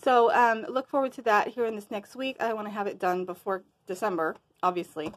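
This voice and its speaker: A woman's voice: mid-range voice, fairly even intonation, brisk. A woman talking casually to her viewers in a crafting show-and-tell, a bit winded and rambling, losing her train of thought now and then. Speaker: crafting vlogger.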